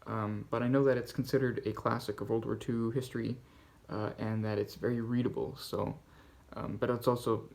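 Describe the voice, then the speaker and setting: A man with a Canadian accent hosting a casual book-haul vlog, talking in a halting, rambling way as he goes. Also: mid-range voice, level tone, vocal fry, a little mellow. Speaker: book channel host.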